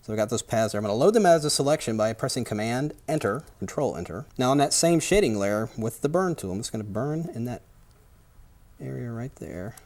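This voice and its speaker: Gravelly man giving step-by-step instructions. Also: mid-range voice, animated, fairly quick, darkish tone. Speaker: tutorial presenter. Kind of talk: software tutorial.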